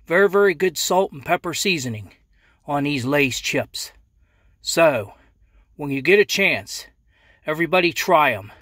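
A man hosting a snack review in a repetitive, drawn-out announcer style, like a showman. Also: fairly high pitch, animated, sharp tone, dry recording, studio quality. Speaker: reviewer, channel host.

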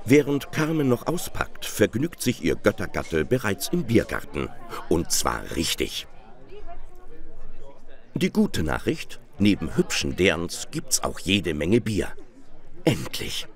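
A man's voice: sits low, wildly swooping pitch, a little slow. A man narrating a television documentary in a wry, playful scripted style.

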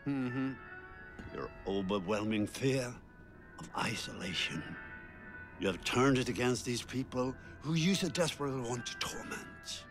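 An actor playing a calm male psychiatrist in a video game who speaks in a measured, coolly scolding way. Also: mid-range voice, faint music behind, close to an everyday voice. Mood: reproachful.

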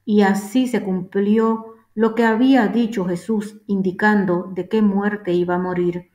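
A woman giving a solemn liturgical scripture reading in a steady, measured voice. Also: medium pitch. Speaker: scripture reader. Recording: roomy echo.

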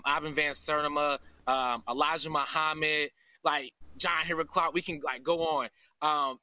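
A sharp-toned, high-side voice belongs to an American farm founder in his thirties giving an earnest, informal explanation. He's a guest in a live video-call interview, speaking outdoors under an open farm shelter, and the recording is dry.

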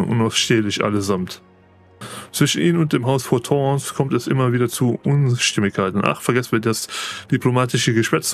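A man's voice: medium pitch, lightly acted. A proud, formal noble heir with a grudge against rival families, read out by a man. The voice is in a middle register, read evenly, with faint game music underneath. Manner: read aloud plainly from game text.

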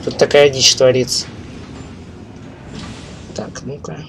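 A man's voice: medium pitch, flat delivery, slow pace, creaky, fairly bright tone, slight background noise. A man with a speech impediment on his r sounds, doing casual, profane gaming commentary and stumbling as he reads on-screen text aloud. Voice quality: burr, has trouble pronouncing his r sounds. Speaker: game streamer.

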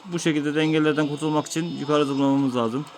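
A man's voice: fairly high pitch, fairly even intonation, fast, a little hiss or hum. A man giving let's-play commentary, patiently explaining each step of an old game to his viewers. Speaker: gaming YouTuber.

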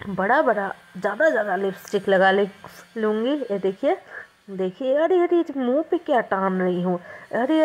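A young woman from India, chatting casually to her viewers as she walks them step by step through her prep, with quick excited exclamations. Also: mid-range voice. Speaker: prank vlogger. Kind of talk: casual vlog narration to camera.

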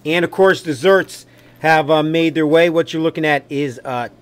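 A man's voice: a little high, normal speed, clean tone. A man filming an upbeat, friendly walkthrough of a small cafe's new menu on a handheld camera. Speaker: cafe host filming a menu tour. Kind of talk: casual promotional walkthrough. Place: small cafe indoors.

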